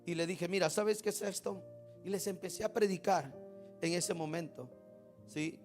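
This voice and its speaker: A male pastor preaching a sermon, swinging from quiet storytelling to emphatic rising bursts and acted-out prayers, often asking the congregation rhetorical questions. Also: high-pitched, normal speed, soft background music.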